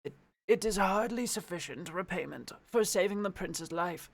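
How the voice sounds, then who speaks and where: A man's voice: high-pitched, expressive, normal speed, gravelly, full character voice. A man voicing a courteous, elderly male chamberlain in an old man voice, reading from a fantasy storybook. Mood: courteous, reassuring.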